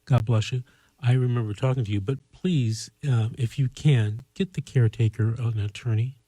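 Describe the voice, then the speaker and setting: A man hosting a call-in show, giving earnest legal advice in a measured, conversational way. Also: medium pitch, steady tone, dark tone, slightly rough, no echo, rough recording.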